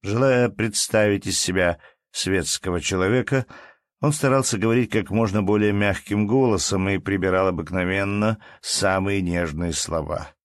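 Low-voiced male audiobook narrator. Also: no room sound, clean studio sound. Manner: measured, even storytelling. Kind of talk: scripted literary narration.

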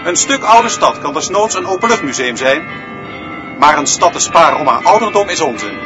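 With big pitch swings in a slightly high voice at normal speed, a man acts out an opinionated, pedantic teacher leading his pupils in declamatory lectures for a radio drama. Music plays behind a dull-sounding recording.

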